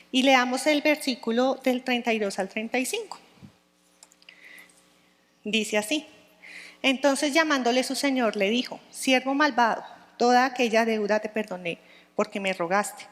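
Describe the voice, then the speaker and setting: A woman with a fairly high voice teaches scripture to a group of women, relaxed and conversational. She keeps pausing to check her listeners are with her. Her voice rings out in a reverberant hall. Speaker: women's Bible study teacher.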